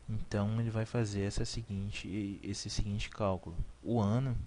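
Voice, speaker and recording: In a screen-recorded beginner coding lesson, a programming instructor in his 20s speaks at a moderate pace in a fairly low, dark voice with fairly even intonation. He goes over points repeatedly, corrects himself, and checks in by asking "ok?" Slight background noise is present.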